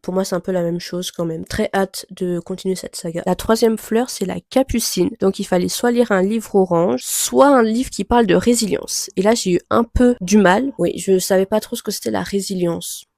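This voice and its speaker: A young woman chatting casually to camera about her reading plans, rambling with many fillers and soft laughs. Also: medium pitch, moderate pace, creaky, few pauses, no echo, studio quality. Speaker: book vlogger.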